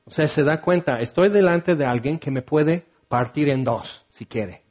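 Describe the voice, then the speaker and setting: Guy preaching a sermon, kinda high voice, goes loud then drops real quiet. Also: measured pace. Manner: dramatic, swings between loud and hushed.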